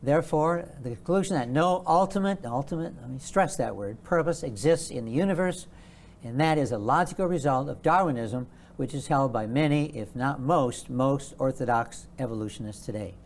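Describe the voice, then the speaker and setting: A man as an interview guest, explaining at length in a measured, lecturing way and stressing key words. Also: medium pitch, a little hiss or hum. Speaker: guest author.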